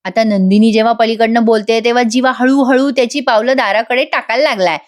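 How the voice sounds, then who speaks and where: A woman's voice: on the high side, steady tone, fairly quick. A woman giving a chatty voice-over review of a TV serial episode, talking straight to her viewers in a gossipy way. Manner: gossipy, addresses viewers directly.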